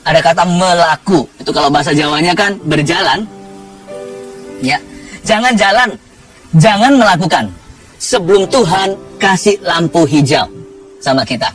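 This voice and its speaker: A pastor preaching a sermon in a lively manner, with humor and acted-out quotes. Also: male voice, on the high side, moderate pace, long pauses, recorded from a distance, soft background music.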